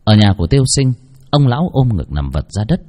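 A man's voice: medium pitch, fairly quick. A man narrating a horror story in a dramatic, suspenseful style. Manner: expressive, suspenseful.

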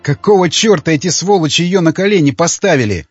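A man reading an audiobook, voicing a desperate young man who shouts in a raised, frantic voice. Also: fairly high pitch, brisk, husky, no room sound, dull audio, soft background music, voice pushed up. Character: desperate young man hunting his wife.

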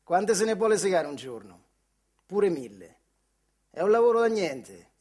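A man with a central Italian accent from the Marche tells a story as a theatrical monologue, using colloquial, emphatic short phrases in dramatic dialect storytelling. His voice is high and sing-song, a little mellow and slightly rough, at a moderate pace.

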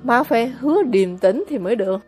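A woman voicing an anxious, earnest young village man who speaks quietly with a shaky voice in a storybook reading. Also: a little high, animated, brisk, soft background music, lightly acted.

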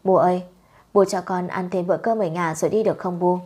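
A miserable young married daughter from a storybook, begging softly. A woman reads her in a husky, lowish voice. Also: fairly even intonation, a little fast. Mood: pleading. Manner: pleading.

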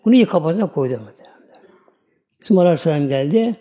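A man with a high, mellow voice gives a storytelling religious talk as a teacher. He retells the tale in a folksy, homely way and keeps circling back over the same points. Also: animated, fast.

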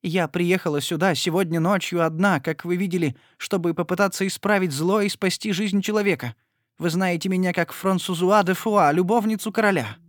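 A man's voice: high voice, a little fast, dry recording, studio quality, pitched above the performer's own voice, natural voice. A man voicing a frightened young noblewoman who pleads tearfully and imploringly. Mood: pleading, distraught.

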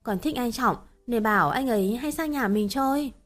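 A woman's voice: on the high side, normal speed, faint music behind, lightly acted. A woman voicing a naive, childlike sixteen-year-old girl who asks innocent, pleading questions.

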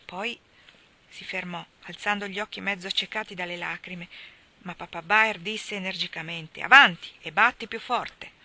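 Bright-voiced woman reading a classic novel. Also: medium pitch. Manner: measured, expressive narration. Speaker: reader.

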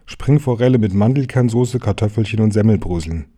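A man's voice: lowish voice, fairly quick, dark tone, close to an everyday voice. A man voicing a sick, fussy little male tiger in a storybook reading, whiny and pleading. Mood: eager.

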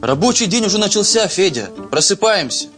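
Sardonic police captain barking like a drill sergeant. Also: male voice, sits high, sing-song, a little fast, music in the background. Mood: mocking, commanding. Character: brisk, sardonic male Soviet police captain. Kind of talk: screen crime drama acting.

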